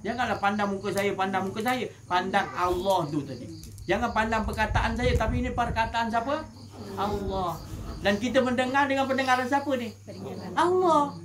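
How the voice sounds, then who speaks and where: Against crowd noise, a man with a Malaysian Malay accent delivers a casual religious talk to a gathering. His voice is high-pitched and steady, his pace fairly quick, and he keeps it colloquial while asking the audience questions.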